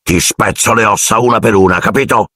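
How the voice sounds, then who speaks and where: A man's voice: on the low side, a little fast, sharp tone, no room sound, clean studio sound, pitched above the performer's own voice. A man voicing an overbearing middle-aged uncle who growls and threatens, in an audiobook. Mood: menacing. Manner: gruff, blustering, threatening.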